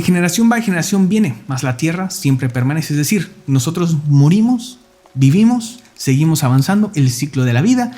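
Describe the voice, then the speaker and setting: A man's voice: fairly high pitch, mellow. A man hosting a Bible podcast, explaining scripture earnestly step by step with rhetorical questions. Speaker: podcast host teaching the Bible. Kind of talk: reflective Bible teaching talk.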